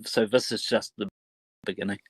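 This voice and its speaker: A man giving casual interview answers as a professional wrestler, in halting, fragmented phrases with some casual swearing. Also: on the low side, flat delivery, no echo.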